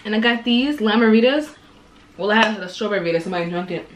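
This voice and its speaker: A young woman talks casually to her viewers between bites of food, recorded on a camera set close by on her kitchen table. Her voice sits at an ordinary pitch for a woman. A faint hum of the room stays in the background. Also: fast talker, poor audio. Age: young adult. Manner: chatty, eats on camera between remarks. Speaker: vlogger. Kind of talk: casual chat while eating. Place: home kitchen, indoors. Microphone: camera on table at close range.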